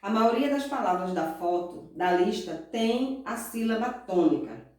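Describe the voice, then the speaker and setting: A Brazilian woman teacher slowly correcting workbook exercises, patiently spelling out syllables and checking in with her pupils. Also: mid-range voice, expressive, a little mellow. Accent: Brazilian Portuguese. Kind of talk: recorded remote lesson correcting workbook exercises. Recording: very echoey room, voice from far off.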